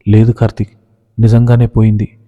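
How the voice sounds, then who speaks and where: A man's voice: lowish voice, monotone, fairly quick, natural voice. A man reading as a guilty, pleading young wife. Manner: pleading, apologetic. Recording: reverberant, dull lo-fi recording.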